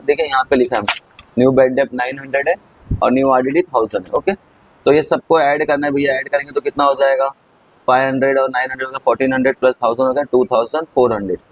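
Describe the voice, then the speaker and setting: A man's voice: medium pitch, low-quality recording. A man teaching an accounting lesson in a chatty way, talking straight to his students as he works through a problem. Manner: chatty, addresses students as kids. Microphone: recorded over on-screen writing.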